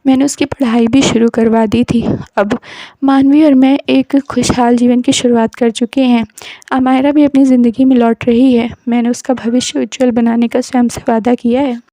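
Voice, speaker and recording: A woman narrates an emotional story in a slow, scripted storytelling manner. Her voice sits fairly high but has a mellow, darker tone. The recording is close and dry. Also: flat delivery, no room sound.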